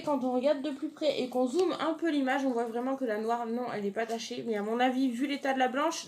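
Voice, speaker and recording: A young woman chatting casually through odd online listings, amused and giving chatty asides. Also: high-pitched. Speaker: YouTuber. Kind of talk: casual video commentary.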